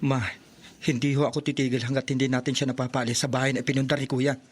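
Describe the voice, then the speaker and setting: An actor playing a resentful, determined young son with a husky voice, in old radio show acting. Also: male voice, mid-range voice, flat delivery, fast, slight background noise, lightly acted. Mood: resolute, puzzled. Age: young adult.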